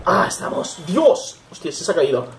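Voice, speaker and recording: A young man gives excitable Let's Play commentary, swearing and yelping at the game. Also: a little high, normal speed, slight background noise. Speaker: gaming YouTuber.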